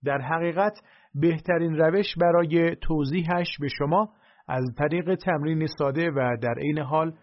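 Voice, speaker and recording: A man reading a first-person audiobook in a steady, measured way. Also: on the high side, highs cut off. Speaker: audiobook narrator.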